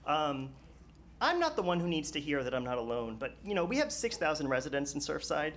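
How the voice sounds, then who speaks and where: A man's voice: on the high side, sing-song, fairly bright tone, a little hiss or hum. Nervous man giving public comment. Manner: earnest, halting with many fillers. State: a little nervous. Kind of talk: public comment at a town meeting.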